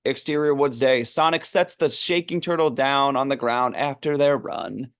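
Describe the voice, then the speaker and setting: A man's voice: mid-range voice, moderate pace, clear, resonant tone. A man narrating a script read, reading stage directions aloud in an informal, amused way.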